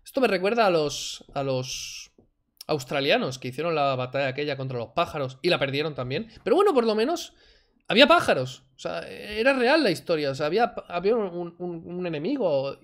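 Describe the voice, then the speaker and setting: Sitting at his home desk indoors, a reaction streamer mocks a video clip in casual commentary, sarcastic and animated. His voice is fairly high and fairly quick, picked up by a desk mic while he wears headphones.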